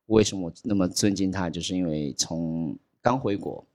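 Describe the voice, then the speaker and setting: A man in his thirties from the United States chats casually as a podcast guest, in a low voice. He rambles and restarts his sentences, and he drops English fillers like "you know, like" into his talk. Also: moderate pace, dark tone. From grew up in the United States. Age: 30s. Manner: rambling, with frequent restarts and repeated words.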